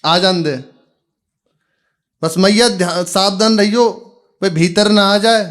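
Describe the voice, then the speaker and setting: A man voicing an exasperated young cowherd son with a Braj accent, repeating words loudly so a deaf mother can hear. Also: high voice, fairly even intonation, voice pushed up. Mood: exasperated pleading. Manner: shouting slowly to be heard, repeating words.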